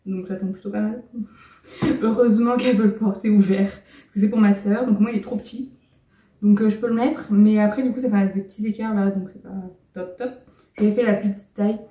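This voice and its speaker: A woman's voice: medium pitch, fairly even intonation, fast, dark tone. A woman chatting casually on her knitting vlog at home, showing her finished cardigans in a rambling, light, self-mocking way. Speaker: knitting vlogger. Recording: roomy sound from a distance.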